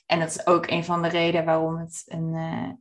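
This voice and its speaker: A woman co-hosting a book discussion, relaxed and hesitant, pausing often as she explains. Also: sits low. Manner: relaxed, hesitant with many pauses. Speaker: podcast co-host discussing a book.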